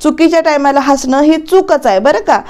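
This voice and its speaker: A woman's voice: high-pitched, lively intonation, a little fast, a little mellow. A woman voicing a stern, easily irritated young husband in a serial recap, reading his lines in a scolding tone. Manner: scolding, grumbling.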